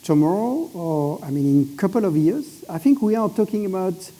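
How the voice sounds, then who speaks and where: Dark-voiced man on a conference panel. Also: high-pitched, lively intonation. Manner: measured, emphatic, restarts phrases. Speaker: panelist, satellite operator executive. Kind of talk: industry panel discussion.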